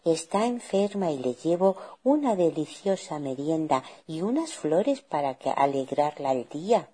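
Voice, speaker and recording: A woman's voice: low-pitched, very animated, measured pace, dark tone, slightly rough, exaggerated voice. A woman voicing an innocent, trusting little girl in a storybook tale, with a childlike sing-song manner. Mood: cheerful, eager.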